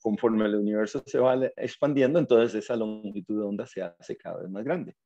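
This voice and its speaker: Man, Costa Rican accent, casual science lecture, gravelly voice, muffled lo-fi recording. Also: fairly low pitch, fairly quick, warm tone. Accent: Costa Rican Spanish. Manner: tags sentences with "verdad?", many "este" fillers. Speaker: guest lecturer.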